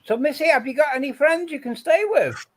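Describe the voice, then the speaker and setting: A man's voice: very high voice, lively intonation, brisk. A man in a casual group chat, giving advice and often stammering and repeating his words.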